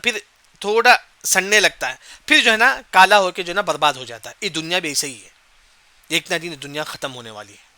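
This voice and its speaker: A man teaching a Quran commentary lesson, explaining Arabic words slowly, repeating key points and chanting verses. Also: on the high side, sharp tone.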